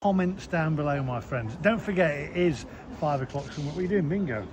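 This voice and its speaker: A man's voice: on the high side, animated, a little fast, darkish tone, slight background noise. A man chatting casually for a vlog, talking to the camera and to the person with him. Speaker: vlogger.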